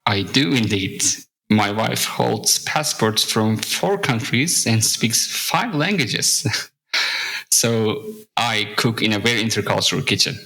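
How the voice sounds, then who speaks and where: A man from Turkey speaks English with a Turkish accent, his fairly low voice carrying a gravelly edge. His tone is bright and forward. He talks in a friendly, measured way as a podcast guest. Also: expressive, rough recording. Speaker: guest, intercultural communication teacher. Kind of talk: podcast conversation.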